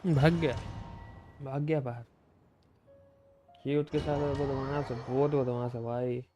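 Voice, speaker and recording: A man's voice: medium pitch, steady tone, slow pace, mellow, soft background music. Doting man. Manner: coaxing, doting baby talk to his pet cat. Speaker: game streamer. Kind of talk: casual live-stream chat. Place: at home with his cat. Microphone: desk microphone.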